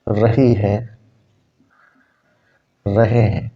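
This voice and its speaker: A man's voice: fairly low pitch, flat delivery, very slow. A man teaching a spoken English lesson, explaining step by step with examples and answering his own questions. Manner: asks questions and answers them himself. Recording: dull, lo-fi recording.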